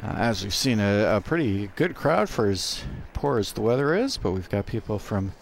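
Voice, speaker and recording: A man doing live radio commentary from a studio, interpreting a speech in short, halting phrases. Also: on the low side, sing-song, vocal fry, slight background noise. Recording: music audible behind. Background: music.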